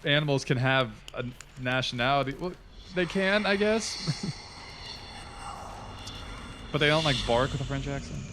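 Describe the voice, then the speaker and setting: A man's voice: mid-range voice, a little slow, long pauses. A young man co-hosting a game stream, joking and bantering in a laid-back way. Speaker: co-host. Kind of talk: casual gameplay banter. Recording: faint background noise.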